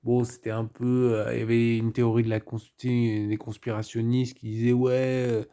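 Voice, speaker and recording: Guy rambling through a movie review, gravelly voice, jokey asides. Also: mid-range voice, monotone, fairly quick, mellow. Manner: rambling, with ironic joking asides. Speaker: film reviewer. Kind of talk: casual spoken film review.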